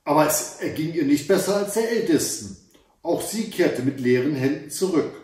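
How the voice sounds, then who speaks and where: A man reading a fairy tale aloud in a calm, gentle storytelling manner, as host of his story hour. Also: a little high, moderate pace. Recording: echoey room, far from the mic.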